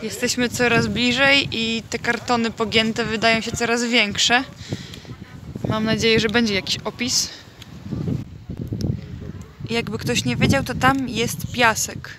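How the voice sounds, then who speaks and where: A woman's voice: a little high, flat delivery, unhurried, pauses often. Chatty young woman vlogging outdoors. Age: young adult. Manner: chatty, laughing, hesitant fillers. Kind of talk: casual travel vlog narration. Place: outdoors and in a snack bar, city and seaside. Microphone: handheld phone camera. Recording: loud street noise behind.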